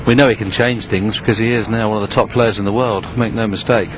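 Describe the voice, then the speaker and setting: A man giving hushed, low-key snooker commentary in a measured, unhurried, analytical way. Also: fairly even intonation, noisy background.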